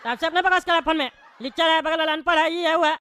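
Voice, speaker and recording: A woman's voice: very high-pitched, quick pace, pushed and bright, no room sound. A woman voicing an arrogant bald politician who picks a fight with the passengers sitting beside him. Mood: angry. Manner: brash, threatening, rude. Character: bald loudmouth politician seated next to them, arrogant and quarrelsome.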